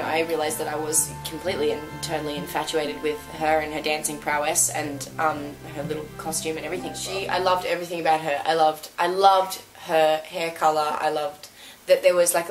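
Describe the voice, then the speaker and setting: Casting: woman, lowish pitch, casual review co-host, gushing and emphatic, clear music underneath. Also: steady tone, a little fast, poor audio. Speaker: co-host reviewing a dance show.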